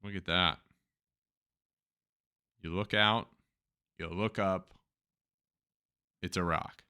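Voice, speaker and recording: A man's voice: low-pitched, fairly even intonation, slow pace, sharp tone, smooth. A man with a Turkish accent who hosts a show, reading news stories aloud and adding chatty, joking asides. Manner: reads text then adds chatty, joking asides. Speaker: host.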